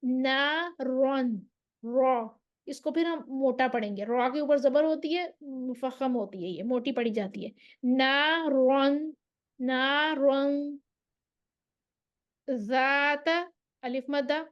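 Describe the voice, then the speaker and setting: A woman teaching recitation rules, patiently explaining and drawing out sample syllables slowly, checking in with the listener. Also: high-pitched, dull audio. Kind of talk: tajweed lesson.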